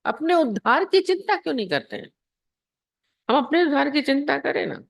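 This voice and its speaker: A woman's voice: sits high, very animated, normal speed, vocal fry, no room sound, clean studio sound. A woman spiritual teacher giving a sermon on scripture, telling parables and asking her listeners questions. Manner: storytelling, asks the listeners questions.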